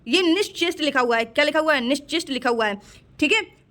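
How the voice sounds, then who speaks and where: Bright high-voiced woman teaching. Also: expressive, fast. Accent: Hindi. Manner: repeats words with quiz-style questions. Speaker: exam prep teacher. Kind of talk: spelling lesson.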